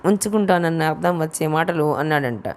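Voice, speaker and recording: A woman's voice: low-pitched, a little fast, a little mellow. A woman reading a novel aloud as an audiobook narrator, telling the story steadily and reading the dialogue without separate character voices. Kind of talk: scripted narration of a novel, voicing all characters.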